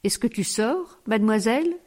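Fussing old nurse, read by a woman, familiar, warm low voice, audiobook. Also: animated, normal speed. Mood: caring.

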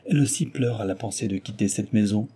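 A man reading aloud and voicing a fussy, gushing older schoolmistress with loud theatrical exclamations. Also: on the low side, fast talker, breathy edge.

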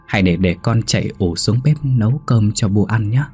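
A man's voice: on the low side, animated, moderate pace, husky. A man voicing a frightened middle-aged woman in a horror story, stammering and trembling. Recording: soft background music.

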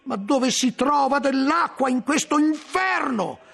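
A man voicing an alarmed, learned friar, shouting urgently in a strained, gravelly voice. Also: very high-pitched, lively intonation, unhurried, pitched above the performer's own voice, exaggerated voice.

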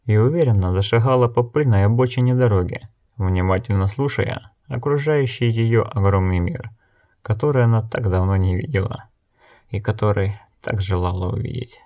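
Brief: male narrator, low voice, steady measured storytelling. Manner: even, measured reading. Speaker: audiobook narrator. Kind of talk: scripted narration.

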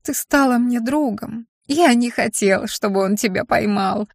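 A woman reads a tiny demon imp who snivels and begs forgiveness in a raised, drawn-out voice. He sounds guilty and frightened. The audiobook recording is dry and close. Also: a little high, vocal fry, dry recording. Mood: tearful pleading. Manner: sniffling, pleading and guilty. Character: whining tearful male imp, small demon. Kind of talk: audiobook character voice.

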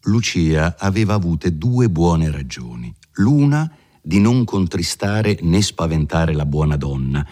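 A man narrating a classic novel for an audiobook in a measured, expressive literary reading. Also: low voice.

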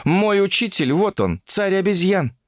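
A man reading an audiobook and voicing an indignant young female graduate student who protests in a shrill, exasperated way. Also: lively intonation, measured pace, no echo, studio quality.

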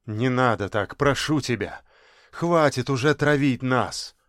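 A man reading aloud voicing a conciliatory middle-aged father who speaks in a soft, placating tone. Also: medium pitch, normal speed, no room sound, clean studio sound, lightly acted.

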